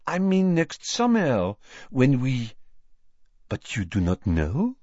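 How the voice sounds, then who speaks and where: A man's voice: medium pitch, huge pitch swings, slow pace, a little mellow, dry recording. A man voicing a graceful, self-assured young woman with an airy, lilting, sweetly condescending manner. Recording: dull lo-fi audiobook recording.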